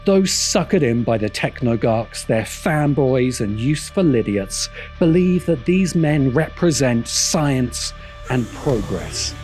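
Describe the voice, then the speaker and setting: A man with a medium-pitched, expressive, darkish voice speaks slowly as he presents scripted polemical commentary for a video essay. His manner is dramatic, scornful and emphatic, with music running behind him.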